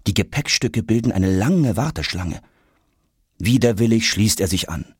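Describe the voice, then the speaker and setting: Man, children's audiobook narration, husky, very animated, dry close sound. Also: on the low side, normal speed, no echo. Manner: lively, expressive storytelling.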